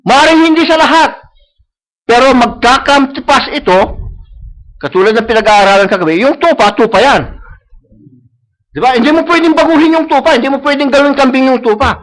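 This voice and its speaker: During a church service, a man with a very high, animated, somewhat bright voice preaches a little fast, pausing often. He mixes English phrases into Tagalog, repeats key phrases, and asks the congregation to agree, on a low-quality recording.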